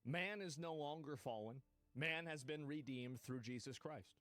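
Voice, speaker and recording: A man's voice: a little high, normal speed, a bit bright, dry recording, soft background music. A man streamer reacting to a clip on a live stream, heated and profane, repeating himself as he rants.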